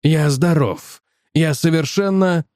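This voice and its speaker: A man's voice: on the high side, slow, darkish tone, no room sound, clean studio sound. A man voicing an irritable, rattled businessman who talks in curt, snappish bursts.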